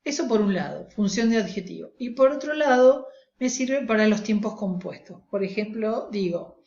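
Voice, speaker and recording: A woman's voice: medium pitch, lively intonation, normal speed, vocal fry, a little mellow. A woman teacher giving a recorded grammar lecture, explaining step by step and often checking in with her students. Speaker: language teacher. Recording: roomy, dull lo-fi recording.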